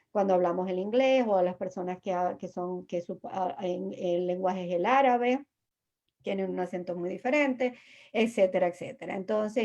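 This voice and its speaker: A woman's voice: medium pitch, warm tone, dull audio. A woman immigration lawyer giving patient, reassuring explanations as an interview guest, with many fillers and restarts.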